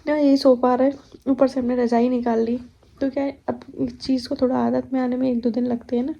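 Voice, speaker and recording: A woman's voice: high-pitched, flat delivery, fairly quick, gravelly, mellow, highs cut off. A young woman chatting to her viewers at home in a casual vlog, telling stories about her day. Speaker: vlogger. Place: at home, kitchen.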